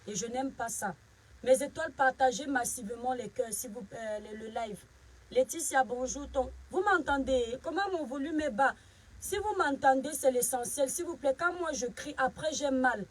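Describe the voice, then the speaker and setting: Husky-voiced woman hosting a live stream. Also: a little high, low-quality recording. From Cameroon. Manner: greets viewers by name, scolds critics sharply. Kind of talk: casual live-stream chat.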